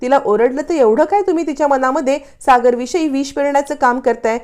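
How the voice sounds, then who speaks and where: A woman voicing a stern older grandmother in a drama recap, sharp and defensive. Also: sits high, brisk, voice pushed up, natural voice.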